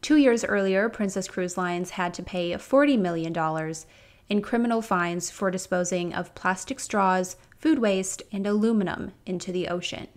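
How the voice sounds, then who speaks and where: A woman's voice: mid-range voice, moderate pace. A woman hosting a podcast, reading a prepared script with a few casual asides of her own. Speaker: podcast host.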